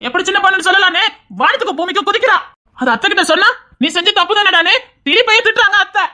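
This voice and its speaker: A woman's voice: very high voice, very fast, sharp tone, heavily acted. A woman playing a defensive, apologetic teenage grandson with a Tirunelveli Tamil accent. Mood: pleading. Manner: hesitant, pleading excuses.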